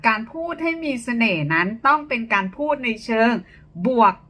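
A woman teacher giving a short lesson on charming speech, explaining clearly and shifting her tone to demonstrate. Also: on the high side, sing-song, normal speed, a bit bright. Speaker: speaking-skills teacher. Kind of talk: short instructional talk to camera.

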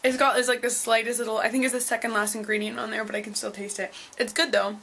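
A young woman in her twenties talks through her day for a vlog in a loose, rambling way, dropping ums as she goes. Her voice sits a little high and carries a gravelly fry. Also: flat delivery, quick pace, fairly bright tone, rough recording. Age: 20s. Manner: chatty, rambling with frequent ums. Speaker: vlogger. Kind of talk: casual vlog chat.

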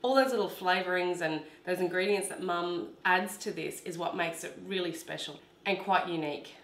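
A woman's voice: fairly low pitch, moderate pace, a bit bright, echoey room. A woman, hosting a cooking demonstration in her home kitchen and explaining each step in a chatty, instructive way. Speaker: cooking show host.

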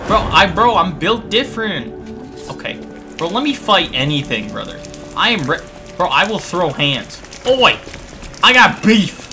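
A young man streaming a game in a fairly high, very animated voice. He is excitable and jokey, swinging between muttered asides and sudden yelps, in casual commentary over music. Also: normal speed. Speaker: gaming streamer.

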